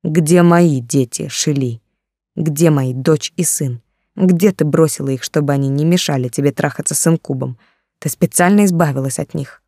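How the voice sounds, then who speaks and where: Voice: mid-range voice, normal speed, mellow, no room sound, lightly acted. A reader voicing a cruel, jealous male warlord who speaks in contemptuous threats, recorded dry and close. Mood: menacing. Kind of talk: audiobook character reading.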